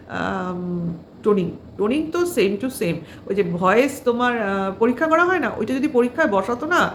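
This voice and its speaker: A woman's voice: a little high, a little hiss or hum. A woman vlogger giving casual, sarcastic commentary on another channel, full of fillers and rhetorical questions.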